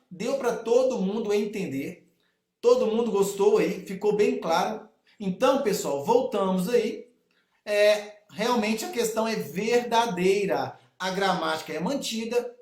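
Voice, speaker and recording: High-voiced Brazilian man teaching grammar. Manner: lively, addresses students directly, repeats key rules. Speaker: Portuguese teacher for exam candidates. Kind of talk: exam prep lesson. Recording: echoey room.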